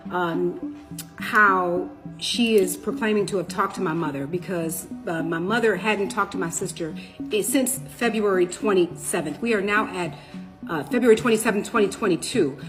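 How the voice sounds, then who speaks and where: A woman, talking urgently to her viewers and firing off question after question while she does her makeup. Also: medium pitch. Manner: urgent, questioning, addresses viewers as "you guys". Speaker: storytime TikTok creator. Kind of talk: direct-to-camera storytime vlog.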